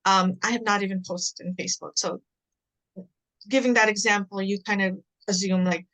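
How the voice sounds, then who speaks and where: A woman's voice: medium pitch, steady tone, normal speed, fairly bright tone, low-quality recording. Woman, candid patient voice on a panel, plain-spoken. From Nepal. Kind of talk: personal account on a panel.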